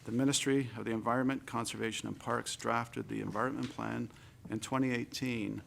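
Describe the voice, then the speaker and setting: A man, a deputy minister, giving formal committee testimony in a low-key, monotone delivery. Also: brisk, vocal fry, slight background noise. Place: legislative committee room.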